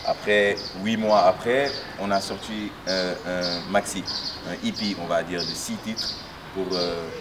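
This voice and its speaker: A man's voice: sits low, measured pace. A man rapper, answering casually with many fillers. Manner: relaxed, many fillers like "tu vois". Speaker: rapper guest. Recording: distant mic with noisy ambience.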